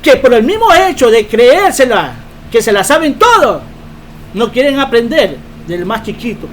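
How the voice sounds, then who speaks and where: A woman preacher giving a Bible teaching sermon, emphatic and quick to ask rhetorical questions. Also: fairly high pitch, sing-song, slight background noise.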